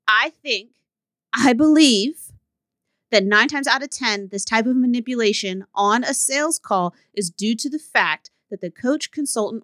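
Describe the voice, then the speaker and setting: A woman hosts a solo podcast in a frank, conversational way, often checking in with her listeners. Her voice sits at a middle pitch. The recording is dry and close, with no room sound. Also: a bit bright, no echo. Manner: frank, conversational, with many "right?" tags. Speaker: podcast host and business coach.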